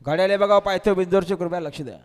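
A man announcing a live race over an outdoor loudspeaker, calling out instructions to the crowd with a long echo. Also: sits high, rapid-fire. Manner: loud calls and instructions to the crowd. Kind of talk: live event commentary.

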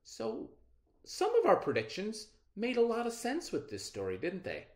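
With a high-pitched voice, a middle-aged man walks children through reading aloud, speaking deliberately and expressively as he explains.

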